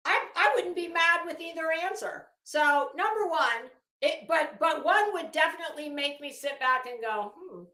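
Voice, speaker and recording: At normal speed, the host's high voice comes across animated, pushed and bright. She hosts a livestream with a sarcastic, theatrical reading and ad-libbed comments, captured in an echoey, roomy space.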